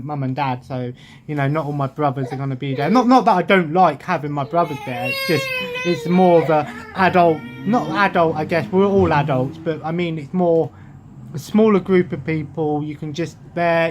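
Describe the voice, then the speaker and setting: This young gaming vlogger with an English accent talks loosely to a nearby webcam from his sofa at home, absent-minded and frequently starting over. He speaks at normal speed in a fairly high voice. There's a little hiss or hum in the audio.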